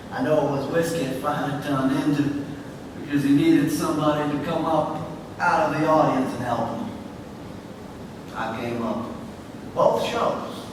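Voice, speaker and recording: An actor playing a drunk, sardonic young man in a stage play, telling things in a rambling, drawn-out, theatrical way. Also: close to an everyday voice. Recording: echoey hall from far off, noisy rumble.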